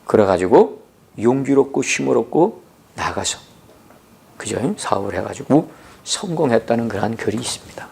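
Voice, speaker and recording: A man delivers a revival sermon in a gravelly voice. His pitch rises and falls freely, and he keeps turning to his listeners for agreement. Now and then he acts out short dialogues in a lower, softer voice. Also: big pitch swings, moderate pace. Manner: conversational, keeps asking listeners "right?". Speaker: pastor.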